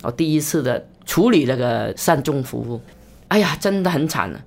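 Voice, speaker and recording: A woman evangelist with vocal fry tells a story during an interview, delivering it in a lively way with big pitch swings and quick, repeated phrases.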